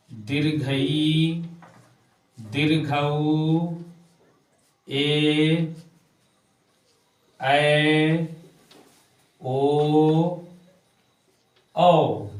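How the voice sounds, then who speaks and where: A man's voice: on the high side, fairly bright tone, distant mic. A man teaching Hindi grammar in a video lesson, addressing viewers directly and drawing out vowel sounds as examples. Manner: slow, drawn-out teaching with stretched vowel examples. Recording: echoey room, voice away from mic.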